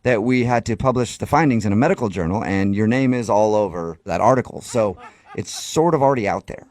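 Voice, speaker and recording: A radio host making a prank phone call while posing as a doctor, talking in a sly, deadpan way and stifling laughs. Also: male voice, fairly low pitch, a little fast, no room sound.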